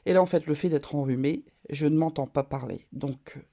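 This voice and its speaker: A woman with a cold, speaking through her nose. Her voice is dark and mellow with a gravelly edge. She chats loosely and a touch loudly, full of little fillers, as she shows off her haul. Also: sits low, normal speed. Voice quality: nasal. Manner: talks a bit loud, chatty with fillers. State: congested from a cold, nasal. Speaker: scrapbooking vlogger. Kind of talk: casual haul show-and-tell.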